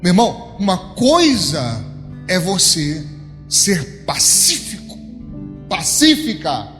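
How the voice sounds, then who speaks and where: High-voiced Brazilian pastor preaching in a hall. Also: male voice, huge pitch swings, takes it slowly. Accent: Brazilian Portuguese. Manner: emphatic preaching with big pitch swings, addressing the congregation directly. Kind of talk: sermon. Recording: long hall reverb with soft background music.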